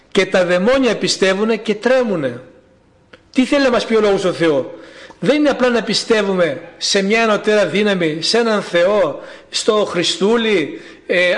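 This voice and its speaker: A man preaching a sermon, reading scripture aloud with fervent, measured pauses. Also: sits high.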